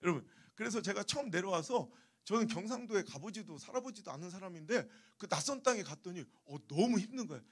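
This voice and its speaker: Revival preacher, male, high voice, animated storyteller with broad swings of pitch. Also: fast talker, few pauses, slightly rough. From Chungcheong, Korea. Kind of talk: revival sermon. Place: church sanctuary.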